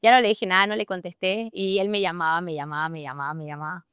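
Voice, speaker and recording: Bolivian woman, smooth, dry voice. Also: on the low side, fast talker, dry recording. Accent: Bolivian, Santa Cruz. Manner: animated, laughs often, acts out her own past thoughts. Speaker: podcast guest. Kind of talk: personal storytelling in a casual interview. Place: bar in Santa Cruz.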